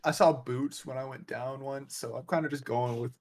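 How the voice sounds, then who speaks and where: A man playing a tabletop role-playing game, joking and quick to laugh. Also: medium pitch, steady tone, a little mellow. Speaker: player. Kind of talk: casual tabletop game chat.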